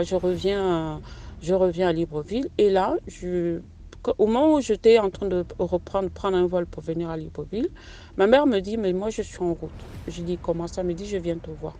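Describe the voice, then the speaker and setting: Mellow-voiced woman telling her story. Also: on the low side. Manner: hesitant and conversational, with many fillers and restarts. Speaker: storyteller sharing a personal testimony. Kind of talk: casual spoken testimony.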